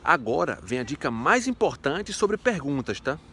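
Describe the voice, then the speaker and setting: A man's voice: a little high, big pitch swings, moderate pace, bright, forceful tone, slight background noise. A man teaching a casual video lesson in a chatty, playful way, asking himself rhetorical questions. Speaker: French teacher.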